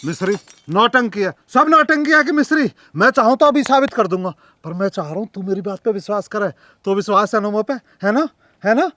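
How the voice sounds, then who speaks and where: Actor as an earnest village lad in love, blunt and pleading, high voice. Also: male voice, fairly quick, sharp tone. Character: earnest young village man, lovesick. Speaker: creator and lead of the sketch. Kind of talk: village comedy sketch acting. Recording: music underneath.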